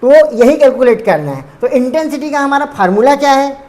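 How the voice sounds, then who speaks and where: A woman's voice: high-pitched, animated, fairly quick, warm tone. A woman teaching a physics lesson. She explains step by step, repeats terms and corrects her own slips.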